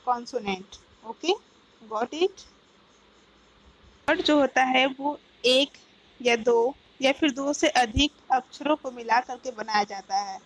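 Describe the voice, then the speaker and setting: A woman's voice: high voice, takes it slowly, poor audio. A woman teaching a grammar lesson, explaining step by step and often checking with "okay, got it?". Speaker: English teacher.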